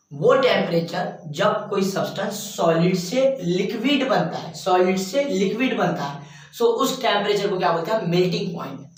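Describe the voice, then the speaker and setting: A man's voice: high voice, a bit bright, far from the mic. Man lecturing in a very echoey room. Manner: asks questions and answers them himself; stretches out key terms word by word. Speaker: physics teacher. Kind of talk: classroom lecture.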